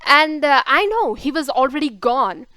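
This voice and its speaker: A woman's voice: high voice, big pitch swings, normal speed, bright, forceful tone, no room sound. A woman telling a true story in a storytime vlog, dramatic and repeating words for effect.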